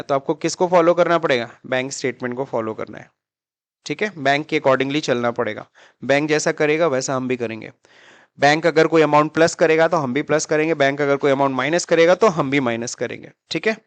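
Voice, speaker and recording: A man's voice: a little high, fairly quick, dry recording. A man teaching accounting in a classroom-style lecture, mixing Hindi with English terms and repeatedly asking students questions as he explains. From India.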